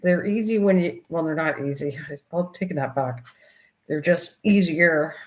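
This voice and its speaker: A woman's voice: lowish voice, measured pace, low-quality recording. Older woman chatting while she crafts. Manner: chatty, rambling, talks to herself and her viewers while working. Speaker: livestream host. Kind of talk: casual craft livestream chat.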